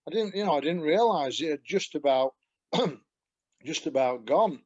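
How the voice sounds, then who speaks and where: A man's voice: fairly high pitch, animated, a little slow, darkish tone, dull audio. Rambling Yorkshire man on a call. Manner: rambling, self-deprecating, chuckles often. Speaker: guest giving a testimonial. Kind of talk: casual video call chat. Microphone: video call.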